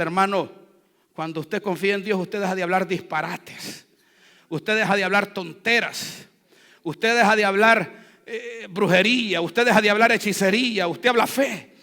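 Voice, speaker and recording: A male pastor with a high, bright, ringing voice delivers a fervent sermon, calling on the congregation to repeat after him. His preaching rises from low asides to loud exhortation, and the sound carries a long reverb from the church hall. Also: moderate pace. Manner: exhorting, call-and-response with the congregation. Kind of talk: Spanish-language church sermon. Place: church sanctuary.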